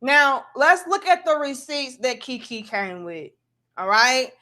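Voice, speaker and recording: A woman's voice: sits high, very animated, takes it slowly, sharp tone. A woman hosting a casual opinionated livestream, skeptical and emphatic, with sarcastic exposé-style commentary and colloquial address to her viewers. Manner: skeptical, sarcastically mimics opposing views; emphatic, punchy delivery with rhetorical questions. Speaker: livestream host.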